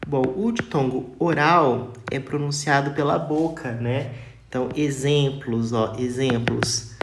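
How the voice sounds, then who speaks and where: Brazilian teacher, unhurried and didactic, repeats examples, quizzes class; roomy echo, steady noise behind. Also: mid-range voice. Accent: Brazilian Portuguese. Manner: slow and didactic, repeats each example word, asks the class for answers. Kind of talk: online grammar lesson. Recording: echoey room with steady background noise.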